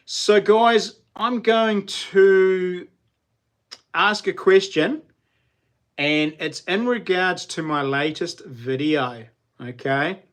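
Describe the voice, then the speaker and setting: High and a bit bright, this man's voice stretches out his words. He's a middle-aged New Zealander hosting a casual livestream, rambling with viewers in slang and laughing frequently.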